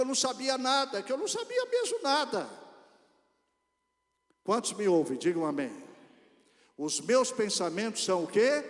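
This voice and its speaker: Brazilian pastor preaching in a hall. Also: male voice, high-pitched. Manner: animated, addresses the congregation directly. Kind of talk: storytelling sermon. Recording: reverberant church hall.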